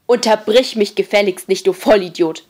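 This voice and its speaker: Brief: a woman reading as a bossy teenage leader, loud and blunt, brisk orders. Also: medium pitch, lightly acted. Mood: angry.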